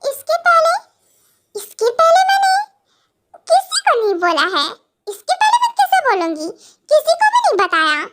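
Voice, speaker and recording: A woman playing a naive young wife in a fan audio drama, pitched very high and bright. She giggles and whines like a child as she chatters on. The sound is sharp and high, with no deep tones. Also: animated, moderate pace, slight background noise, exaggerated voice. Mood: giggly, whiny.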